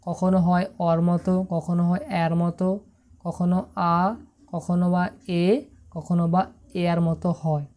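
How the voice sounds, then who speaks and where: Lady teacher doing a slide voiceover, low warm voice, slow patient explaining. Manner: patient, step-by-step, often asks "see?". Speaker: English teacher. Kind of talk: explaining pronunciation to students.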